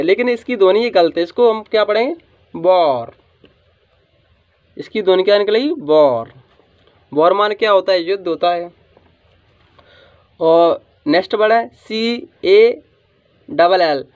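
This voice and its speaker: High-voiced man teaching English phonics. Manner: asks questions and answers them himself, sounding out letters; drawls some words slowly for emphasis. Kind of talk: spoken phonics lesson. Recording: dull lo-fi sound.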